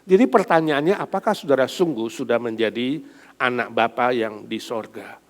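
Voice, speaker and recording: A male pastor preaching a sermon, swinging from loud emphatic build-ups to soft, low asides and mixing in casual speech. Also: moderate pace. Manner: mixes casual speech and English phrases into preaching. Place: church sanctuary.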